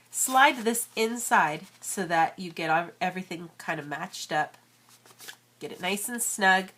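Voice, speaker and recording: Speaking at medium pitch with a fairly bright tone, a woman in her thirties leads an origami tutorial on her channel despite a cold. She keeps it casual, friendly, and chatty, with plenty of fillers.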